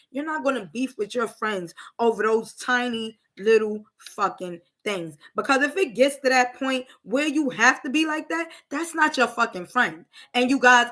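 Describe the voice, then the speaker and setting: A woman with a high, bright voice, venting to her live viewers. She talks casually and curses heavily, repeating herself for emphasis. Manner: profane, emphatic, repetitive. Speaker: livestream host.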